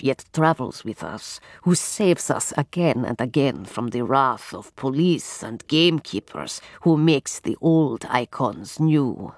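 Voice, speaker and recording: Old female fortune-teller, audiobook, deep, softly rasping, hushed, slow, cryptic. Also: no room sound, studio quality, exaggerated voice. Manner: slow, hushed, chanting litany. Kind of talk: audiobook character voice.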